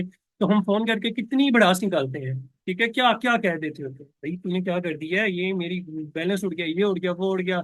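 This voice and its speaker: Guy teaching online selling, kinda high voice, dry close mic, chatty and keeps saying okay. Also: no room sound, rough recording. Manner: conversational, explains step by step with frequent checks like 'okay'; slows right down when acting out sample English call lines. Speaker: online business trainer. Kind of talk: instructional talk.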